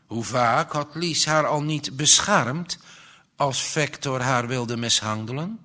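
A man reading a story aloud in a slow, expressive way, with dramatic pauses. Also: mid-range voice.

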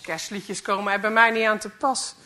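A woman's voice: medium pitch, fairly even intonation, moderate pace, bright, forceful tone, natural voice. Grumpy cynical male mechanic in a storybook reading, read by a woman; scornful grumbling.

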